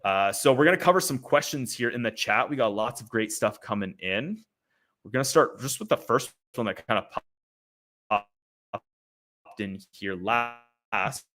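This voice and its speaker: A man hosts a livestream in a relaxed, chatty way. His voice is bright and forward at an ordinary pitch. He talks loosely, filling gaps with "like" and breaking into laughing asides. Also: measured pace, long pauses. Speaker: livestream host. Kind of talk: casual livestream commentary. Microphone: streaming setup.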